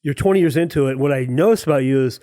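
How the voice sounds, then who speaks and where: A man's voice: medium pitch, rapid-fire, dark tone, dry recording, clean studio sound. A man in his forties hosting a podcast, asking questions in a friendly, affirming way with faith-minded asides. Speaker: podcast host. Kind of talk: casual interview chat.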